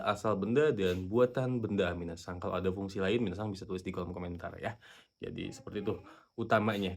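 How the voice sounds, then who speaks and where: A man teaching Japanese in a casual online lesson, often addressing his viewers and reading example sentences slowly. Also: low voice.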